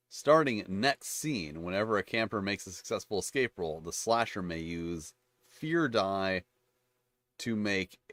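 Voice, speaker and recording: Low-voiced man reading game rules aloud. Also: a bit bright. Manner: reads rules then rambles in chatty asides with restarts. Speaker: channel host reviewing tabletop games.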